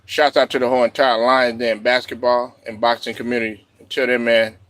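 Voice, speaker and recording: A man hosting a livestream, ranting loudly and profanely and laughing as he goes. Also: mid-range voice, little pitch movement, brisk, dry recording. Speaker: streamer host. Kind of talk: livestream rant.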